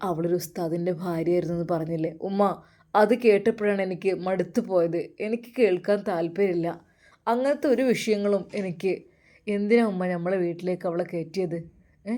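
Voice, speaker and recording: A woman's voice: on the low side, a little fast, dark tone, lightly acted. A woman voicing a stern grown son who questions his mother insistently.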